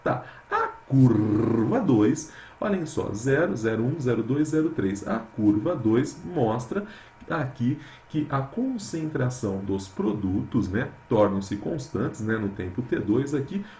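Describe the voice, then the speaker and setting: A man's voice: mid-range voice, lively intonation, takes it slowly, darkish tone, reverberant, a little hiss or hum. A man teaching chemistry with a Brazilian Portuguese accent, working through exercises and repeating key words, calling his students "meus amores". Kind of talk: recorded lesson solving exercises.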